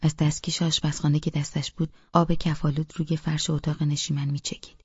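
A man with a gravelly, husky voice reading a novel in first-person narration. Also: a little high, dry recording, highs cut off. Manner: flat, even reading. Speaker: audiobook narrator.

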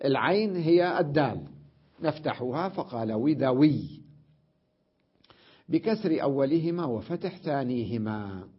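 A man teaching an Arabic grammar lesson, repeating words aloud and often pausing to check that students follow. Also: medium pitch, animated, husky. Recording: dull lo-fi lecture recording.

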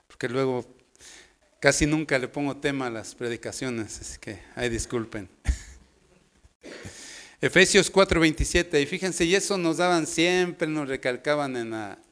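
A man's voice: mid-range voice, a bit bright, smooth. A man preaching an informal sermon in a homely, joking, storytelling way.

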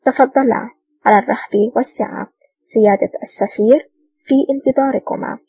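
Woman voicing a polite, official male guard, husky and dry, from a way off the mic. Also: medium pitch, flat delivery, fast, mellow, no room sound. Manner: formal, polite. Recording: dull distant dry recording.

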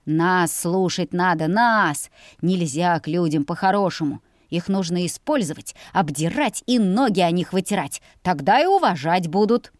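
A woman's voice: lowish voice, expressive, moderate pace, dry recording, clean studio sound, lightly acted. A woman voicing a crude, greedy teenage older brother who sneers and threatens. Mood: scornful. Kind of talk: audiobook character voice.

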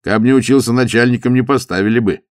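A man's voice: medium pitch, quick pace, no echo, studio quality, voice pushed up, natural voice. A man voicing a sturdy, middle-aged monk who is officious and pompous, lecturing and declaiming as if at a church service.

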